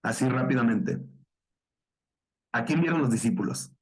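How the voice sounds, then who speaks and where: A Mexican pastor leading a Bible study in a husky, somewhat breathy voice, neither high nor low. He reads scripture slowly and pauses often to explain the verses and quiz his listeners. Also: poor audio.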